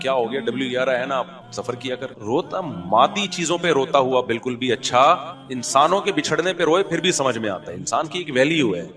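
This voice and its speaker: A man, giving a lively, colloquial, joking sermon. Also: fairly high pitch. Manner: animated, colloquial, joking storyteller. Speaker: Islamic preacher.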